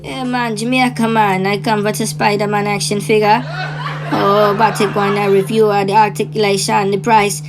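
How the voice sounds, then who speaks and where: A man plays a blundering toy reviewer who keeps swapping badly faked accents. The voice sits higher than his own, and a loud music bed runs under every line. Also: flat delivery, normal speed. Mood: boastful. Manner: mangled fake Jamaican then Spanish-sprinkled accent. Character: clumsy male toy reviewer faking accents.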